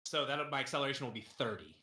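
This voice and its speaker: A man playing a tabletop game, talking casually and haltingly as he thinks aloud. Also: medium pitch, animated, pushed and bright. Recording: roomy, echoey sound.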